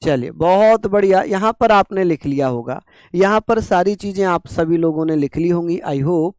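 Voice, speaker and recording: A man teaching a class on constitutional rights, asking rhetorical questions and slowly repeating key terms. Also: high voice, darkish tone, no echo, clean studio sound.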